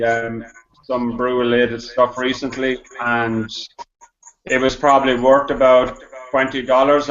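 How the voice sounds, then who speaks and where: A man's voice: medium pitch, fairly bright tone, dull audio. A man in a casual podcast chat, easygoing and a bit rambling.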